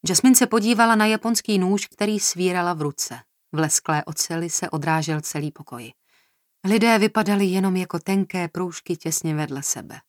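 A woman narrating a thriller audiobook in a steady, even tone. Her voice sits low, and the recording is close and dry. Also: no room sound. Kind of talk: scripted narration.

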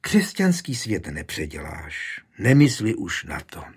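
A man with a husky voice reading the lines of an aging medieval king who is stern but affectionate with his wife. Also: lowish voice, wildly swooping pitch, heavily acted. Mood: firm.

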